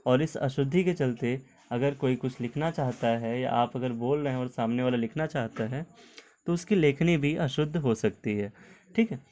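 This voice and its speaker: A man gives a recorded Hindi lesson on pronunciation, his voice sitting at an ordinary middle pitch. He talks through examples patiently and keeps asking "okay?" as he goes. English words turn up now and then in his Hindi. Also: normal speed, a little mellow. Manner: explains patiently, repeating "ठीक है" often. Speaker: Hindi teacher. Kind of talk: online video lesson.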